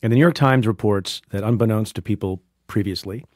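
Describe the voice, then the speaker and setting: A man's voice: lowish voice, a little fast, a little mellow, dry recording. A man hosting an interview podcast in a studio, asking questions in a wry, playful way. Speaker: podcast host. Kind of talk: conversational interview. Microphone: studio microphone.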